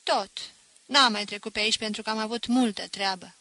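A woman's voice: fairly high pitch, steady tone, bright, forceful tone. A woman reading an audiobook voices a polite, earnest teenage nephew.

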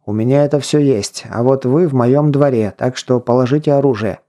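A man's voice: mid-range voice, a little fast, dark tone, lightly acted. A man voicing Seryozha, a wary rich kid. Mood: curt. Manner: defensive, curt. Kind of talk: audiobook dialogue.

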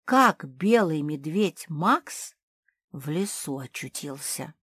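A woman voicing a doubtful pug sister, a fussy stylist who mutters slowly and skeptically. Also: low voice, expressive, fairly bright tone, husky, dry recording, exaggerated voice.

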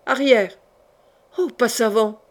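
Brief: woman reading a coarse male henchman, loud and jeering, slightly high. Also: slow. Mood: startled. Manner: bellowing and jeering. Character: brutish, insulting male guard.

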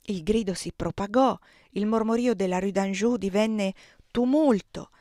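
A woman reading a literary novel aloud, measured and expressive, dropping to a hush in quiet passages. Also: mid-range voice, dry recording, studio quality. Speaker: audiobook reader. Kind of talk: literary audiobook narration.

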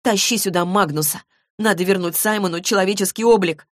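Woman doing a young girl, impulsive, protective, pleading and indignant, raised higher voice, dry audiobook sound. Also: a little fast, dry recording, natural voice.

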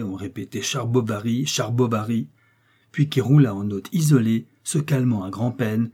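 A man reading a classic novel aloud as audiobook narration, in a measured, even storytelling delivery. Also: mid-range voice, slightly rough.

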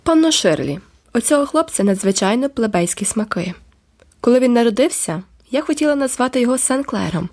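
A woman's voice: a little high, animated, fairly quick, a little mellow, voice pushed up. A woman voicing a pompous, overdressed middle-aged lady who is indignant and fussy, in an audiobook. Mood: haughty. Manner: haughty, fussy, insistent. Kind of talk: audiobook character voice.

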